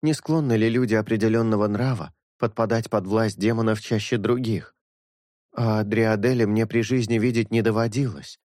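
A man's voice: fairly low pitch, steady tone, darkish tone, dry recording, studio quality, lightly acted. A man doing an earnest young priest. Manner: measured, thoughtful and sincere. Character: earnest young male priest, calm and honest.

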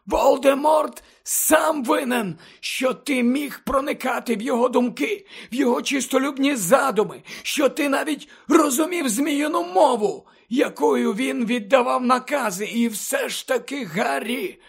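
A man voicing an elderly wizard headmaster who lectures urgently and emphatically, often close to shouting, in an audiobook reading. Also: very high voice, expressive, unhurried, creaky, voice pushed up, exaggerated voice. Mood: impassioned. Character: elderly male wizard headmaster, fervent and impassioned.

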